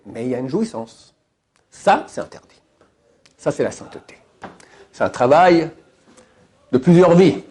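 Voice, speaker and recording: A man with a French accent giving an animated Torah lesson, emphatic and jumping up in pitch to stress his points. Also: breathy edge. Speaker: rabbi giving a Torah class.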